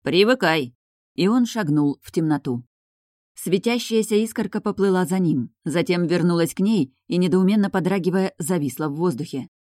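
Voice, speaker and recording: A woman reading an audiobook in a calm, measured narrating voice. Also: on the low side, no room sound, studio quality. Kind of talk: scripted narration.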